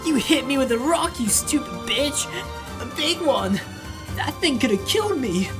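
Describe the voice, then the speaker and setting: A man doing a shrill whiny bully boy. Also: lively intonation, normal speed, music in the background. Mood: outraged. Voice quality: shrill yelling. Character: whiny bullied boy, village bully leader.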